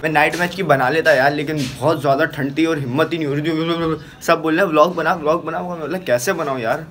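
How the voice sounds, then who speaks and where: A young man from Pakistan with a Karachi Urdu accent, vlogging at home in a chatty, excitable, teasing way. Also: a little high, brisk, a little hiss or hum. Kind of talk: casual home vlog. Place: family home indoors.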